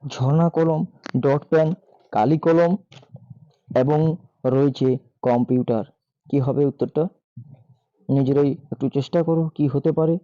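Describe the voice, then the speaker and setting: A hoarse male teacher reads out exam questions and their options, then gives the answers. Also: a little high, fairly even intonation, a little slow, long pauses, mellow, dry recording. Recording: dull lo-fi mic.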